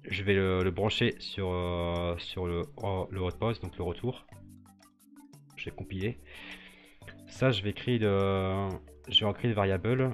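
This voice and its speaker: Young male streamer, low voice, loose improvised talk-through over faint music. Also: fairly even intonation, measured pace. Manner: thinks aloud, many fillers and restarts. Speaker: streamer building a 3D model live. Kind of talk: casual live-stream commentary.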